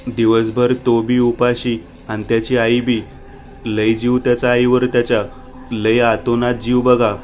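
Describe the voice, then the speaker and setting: A man narrating a horror story in an even, unhurried way. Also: mid-range voice, a little hiss or hum.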